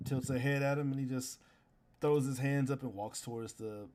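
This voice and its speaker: A man's voice: medium pitch, fairly even intonation, normal speed, background noise. Man, mid-range voice, game master, improvised narration, casual, slangy.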